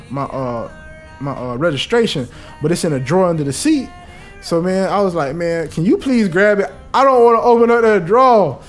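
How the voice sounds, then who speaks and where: A man hosting a podcast, talking in a casual, profane and animated monologue. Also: high-pitched. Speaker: podcast host.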